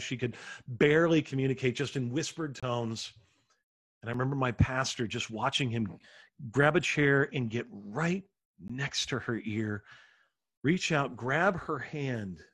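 Earnest man preaching with hushed endings. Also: mid-range voice. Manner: earnest preaching with slow, drawn-out emphasis and soft hushed endings. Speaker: pastor. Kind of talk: sermon.

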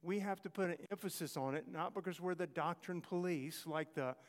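A man's voice: fairly high pitch, fairly quick, big-room sound. A man, preaching a conversational sermon as pastor, repeating phrases for emphasis. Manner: earnest, repetitive, conversational preaching. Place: church sanctuary.

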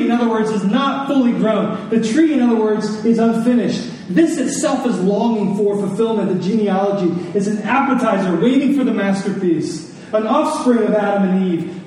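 A warm, high-sitting male voice carries this sermon, which uses rhetorical questions and repeated phrases to stress its message to the congregation. It was recorded in a very echoey room through a distant mic, with faint noise present.

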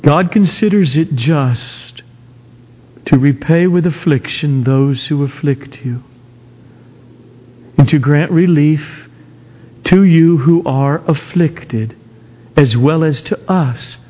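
A man with a slightly high voice preaches scripture in a dramatic, emphatic style. His pace is very measured and weighty. The recording is somewhat dull, with long reverberation from a large hall. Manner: emphatic, dramatic, rhetorical questions, swings from hushed to forceful. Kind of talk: expository sermon.

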